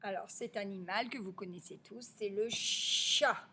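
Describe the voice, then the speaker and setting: A woman's voice: mid-range voice, fairly even intonation, slightly rough. A woman teaching a phonics review to young children. She stretches out the words and drops to a near whisper on the answers. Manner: slow, stretched-out sounding of syllables.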